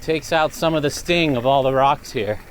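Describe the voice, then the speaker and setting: A man's voice: mid-range voice, moderate pace, slight background noise. A man reviewing a mountain bike aloud while riding it on a desert trail, enthusiastic and now and then a little winded. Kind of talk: riding commentary.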